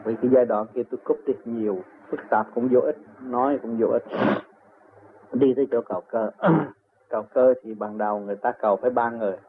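A man's voice: mid-range voice, fairly even intonation, a little fast. Older Southern Vietnamese man, tinny recording. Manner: chuckles often while telling stories. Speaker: interviewee. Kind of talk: rambling personal storytelling. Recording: tinny phone-like recording with faint noise.

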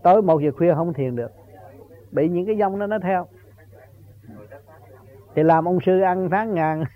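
An older man giving a rambling spiritual talk, chuckling now and then and repeating his words. His voice sits fairly high. The sound is thin and tinny, like a phone line. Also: unhurried. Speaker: spiritual teacher. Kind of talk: informal Buddhist teaching talk.

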